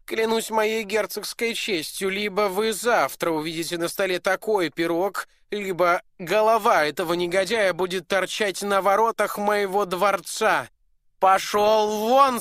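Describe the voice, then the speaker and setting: A storyteller voicing a hot-tempered, pompous duke who shouts and threatens his cook in a storybook reading. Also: medium pitch, measured pace, dry recording, studio quality, voice pushed up, close to an everyday voice. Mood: furious. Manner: blustering, shouting.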